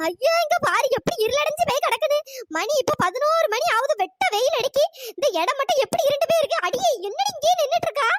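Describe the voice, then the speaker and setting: A voice actor voicing a timid, gossiping village woman in a cartoon story, fretful and wailing, with a pitch-raised voice. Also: expressive, fast, heavy background noise. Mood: alarmed.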